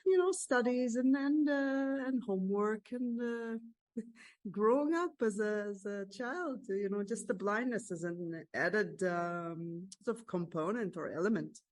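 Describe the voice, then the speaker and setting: Hesitant woman with an Israeli accent. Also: medium pitch. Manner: thoughtful, hesitant, many pauses and restarts. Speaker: guest.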